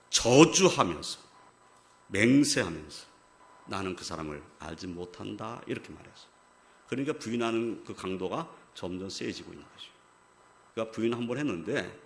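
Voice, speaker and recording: A male pastor delivers a Sunday sermon from the pulpit of a church. His voice sits in a middle pitch, and he explains the passage step by step before pressing his key points with firm stress. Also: fairly bright tone. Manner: explanatory, rising to emphatic stress on key words. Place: church sanctuary.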